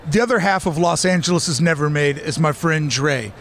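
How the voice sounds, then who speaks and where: Male podcast host, friendly convention interviewer, slightly high voice, light street noise. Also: fairly quick. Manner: friendly, talkative, scripted intros.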